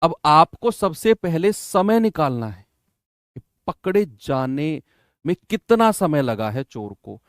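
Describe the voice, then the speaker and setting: A man's voice: on the high side, sing-song, slow pace, dry recording, studio quality. A man teaching an exam-prep math lesson in Hindi, coaching students in a chatty way and often checking with "है ना?".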